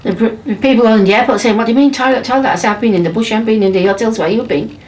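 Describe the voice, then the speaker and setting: An English woman in her fifties tells her story bluntly and emphatically in a documentary interview. Her voice is a little high and darkish, and she speaks rapid-fire. The mic is distant, with faint background ambience.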